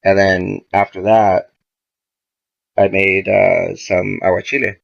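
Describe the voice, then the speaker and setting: Man, podcast guest; rough, gravelly low voice; profane, animated storyteller who quotes everyone; dull lo-fi recording. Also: slow pace. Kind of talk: casual storytelling.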